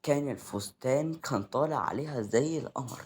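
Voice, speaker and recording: A man's voice: mid-range voice, fairly quick, darkish tone, slightly rough. A man with an Egyptian accent narrating a story in a chatty, casual way.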